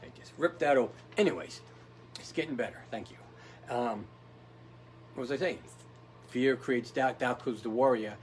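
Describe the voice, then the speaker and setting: A man's voice: mid-range voice, moderate pace, long pauses, slight background noise, poor audio. A man giving a casual motivational talk, rambling and tough-talking, often checking in with "right?". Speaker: motivational speaker.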